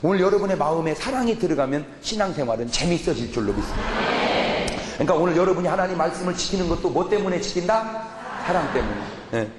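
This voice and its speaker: A man preaching to a congregation, his slightly raised voice ringing through a large, reverberant church hall. He fires questions at the listeners and answers them himself, breaking into loud mock scolding. Room noise hums under every word. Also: on the high side, lively intonation, fast. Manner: shouts and scolds in mock anger. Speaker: pastor. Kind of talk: sermon.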